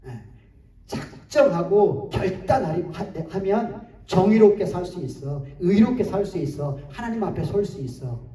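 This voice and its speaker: A man's voice: sits high, lively intonation, a little slow, dark tone. A man voicing a sly, taunting male devil as he quotes it in his sermon, in a roomy, echoing space. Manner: taunting, mocking. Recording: roomy distant mic, faint hiss.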